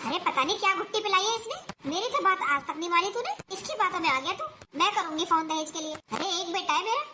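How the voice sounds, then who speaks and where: A woman playing a greedy, sharp-tongued middle-aged mother-in-law in a home-made family skit, scolding and nagging. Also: very high voice, animated, brisk. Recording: noisy home recording.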